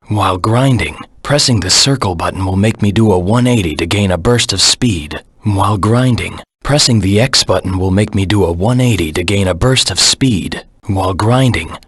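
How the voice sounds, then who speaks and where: Cool brooding hedgehog antihero, raspy, lowish pitch, terse deadpan delivery, video game tutorial lines. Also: male voice, no room sound, clean studio sound. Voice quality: low, husky rasp. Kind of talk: scripted game tutorial voice acting.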